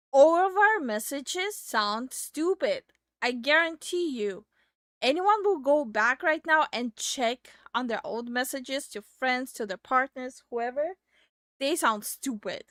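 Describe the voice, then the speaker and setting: A woman streamer talks slowly over a video she is reacting to. She is blunt and swears in disbelief. Her voice sits a little high and sounds dry and close. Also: fairly bright tone, dry recording. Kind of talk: casual reaction commentary.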